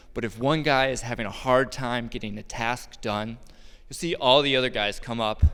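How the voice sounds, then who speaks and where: A man's voice: medium pitch, pushed and bright, clear, resonant tone. A man telling a personal story about his roofing work on stage, casual and joking, with many fillers. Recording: long hall reverb.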